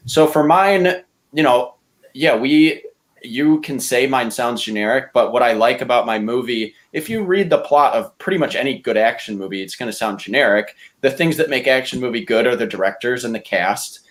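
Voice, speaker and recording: As a podcast contestant pitching movie ideas, a man with a medium-pitched voice argues his case in a casual debate style, rambling and opinionated, at a moderate pace.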